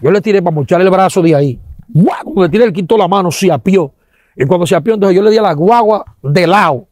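A man with a Dominican accent giving an animated testimony, acting out sounds and quoting people, with religious exclamations. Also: sits high, fast talker, dry recording, clean studio sound.

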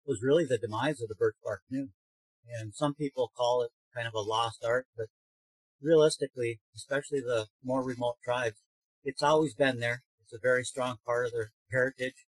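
A man in his fifties from Minnesota, a canoe builder giving an unhurried, thoughtful guest talk to a class over a video call from his home study, with frequent pauses and fillers. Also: medium pitch, slightly rough, dry recording, poor audio. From Minnesota, USA. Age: 50s. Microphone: webcam video call.

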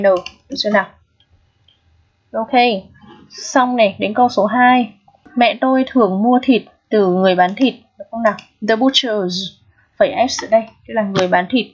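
Husky-voiced woman teaching grammar. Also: a little high. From Vietnam. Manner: explains step by step, checks in with students often. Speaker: English teacher. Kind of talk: recorded grammar lesson. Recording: dull, lo-fi sound.

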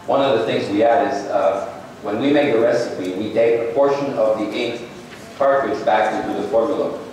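A man giving a conference keynote in a large ballroom, speaking haltingly with many restarts. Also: on the low side, darkish tone, a little hiss or hum. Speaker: company president giving a keynote. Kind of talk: conference presentation. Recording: echoey ballroom from far off.

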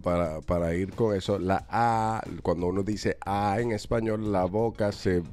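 A man co-hosting a radio show, explaining things in a measured, casual way into a studio mic. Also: lowish voice, steady tone, darkish tone. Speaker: radio host.

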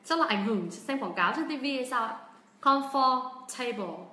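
A young woman giving a livestream pronunciation lesson, patiently explaining, asking viewers questions and repeating English words slowly with exaggerated stress. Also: fairly high pitch, expressive, fairly bright tone. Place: room during a livestream. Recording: roomy echo.

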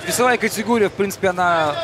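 A man's voice: high-pitched, rapid-fire. A man giving live play-by-play boxing commentary as a commentator. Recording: loud crowd noise over commentary.

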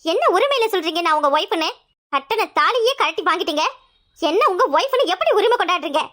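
A woman's voice: very high voice, expressive, fast talker. Woman playing a defiant young cartoon wife. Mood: indignant. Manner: indignant, sharp retorts.

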